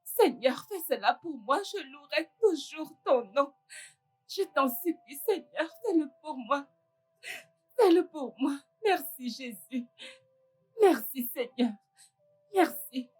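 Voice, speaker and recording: A desperate widow who begs and sobs for her son's life. Her voice sits high. Soft music plays behind her. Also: expressive, takes it slowly, slightly rough, heavily acted. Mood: praying. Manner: pleading, sobbing, praying. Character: desperate poor widow begging for her dying son.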